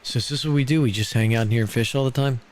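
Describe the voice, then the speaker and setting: Brash and teasing, this young man pokes fun at strangers in the voice chat of a VR game he's livestreaming, keeping things casual. His mid-range voice races along over slight background noise.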